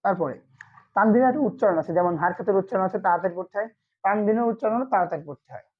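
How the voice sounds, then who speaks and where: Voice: mid-range voice, rapid-fire, narrow, tinny audio. A Quran reading teacher giving an online lesson, asking short questions and answering them himself.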